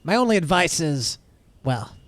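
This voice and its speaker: A man's voice: a little high, very animated, normal speed, a bit bright, no room sound. A man narrating as dungeon master, rambling with fillers and restarts. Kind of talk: narrating a tabletop game.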